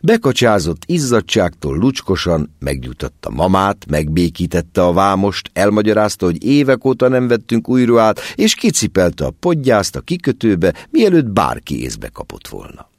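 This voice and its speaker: Deep-voiced man reading a story expressively. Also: very animated, hardly any pauses, a little mellow, no echo, clean studio sound. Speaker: audiobook narrator. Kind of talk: scripted narration.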